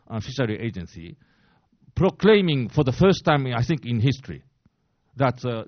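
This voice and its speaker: Halting Japanese-accented man briefing the press. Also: medium pitch, dry recording. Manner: halting, many fillers and restarts, grows emphatic. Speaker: press briefer, former diplomat. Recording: dull lo-fi sound, dry.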